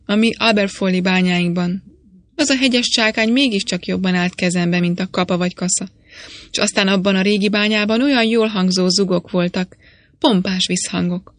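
A woman's voice: mid-range voice, no room sound, close to an everyday voice. A woman voicing a cheerful young male miner who loves to sing, speaking in a hearty, jovial way.

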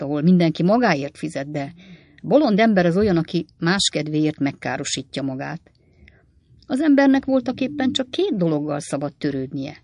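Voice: mid-range voice, darkish tone, dry recording, clean studio sound. Lauten, a reader doing a flippant young clerk. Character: cynical young male law clerk, flippant.

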